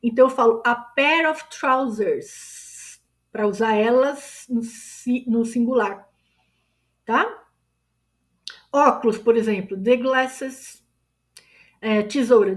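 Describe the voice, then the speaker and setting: A woman with a Brazilian accent teaches English grammar at an unhurried pace. Her voice sits a little high, and she draws out each English example word. She keeps checking in with her learners. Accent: Brazilian Portuguese. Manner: drawn-out English example words, frequent check-ins like "tá?" and "ok?". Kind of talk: explaining English grammar to Portuguese-speaking learners.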